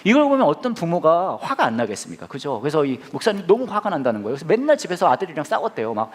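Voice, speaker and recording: A man preaching a sermon as a pastor, telling a story in an animated, conversational way. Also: on the high side, rapid-fire.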